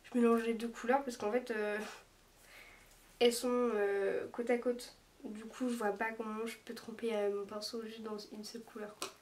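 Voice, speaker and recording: Chatty woman, a bit high, far from mic. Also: flat delivery, darkish tone, slight background noise. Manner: chatty, hesitant, lots of small pauses. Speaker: beauty vlogger. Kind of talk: casual makeup review. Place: room lit by daylight.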